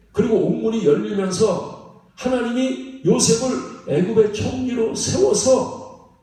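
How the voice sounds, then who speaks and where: A man's voice: high-pitched, dark tone. A man preaching a sermon as pastor, asking the congregation questions and repeating phrases for emphasis. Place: church sanctuary. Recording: echoey sanctuary from far off.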